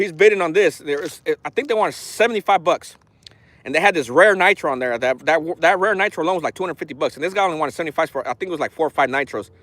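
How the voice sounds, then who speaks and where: A man's voice: a little high, fairly bright tone, dry recording. Blunt rambling man in his forties. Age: 40s. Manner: rambling, frank, swears freely, tough talk. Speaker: RC hobby vlogger. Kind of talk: casual livestream chat. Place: outdoors near an orchard. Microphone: phone.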